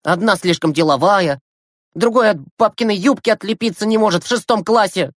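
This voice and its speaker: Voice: mid-range voice, brisk, dry recording, studio quality, voice pushed up, natural voice. A reader voicing a cocky, hot-tempered sixth-grade boy who lashes out sarcastically in an audiobook. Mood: angry. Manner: brash, sarcastic outbursts. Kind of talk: audiobook character voice.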